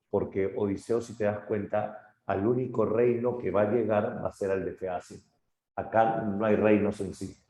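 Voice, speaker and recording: Low-voiced man teaching literature. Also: warm tone. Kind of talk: lively story retelling in a lesson. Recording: echoey room.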